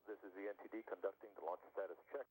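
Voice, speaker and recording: A man's voice: low voice, steady tone, rapid-fire, a little mellow. A man running a procedural status check over crackly space-mission radio, in clipped, businesslike call-outs. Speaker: launch test director. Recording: crackly narrow radio link.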